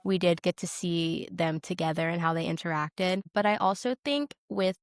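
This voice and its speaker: A woman co-hosting a podcast chats informally about a TV show, often dropping in "like". Her lowish voice moves at a moderate pace, and the recording has no echo.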